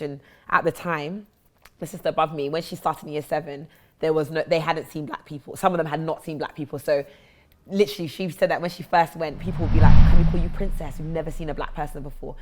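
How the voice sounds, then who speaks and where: Woman, deep voice, South London accent; interview guest recounting personal stories. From South London, England.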